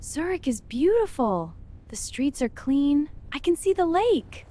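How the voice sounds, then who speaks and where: A woman playing an excited young tourist, narrating a beginner English lesson with very slow talking in short simple sentences. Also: high-pitched. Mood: calm wonder.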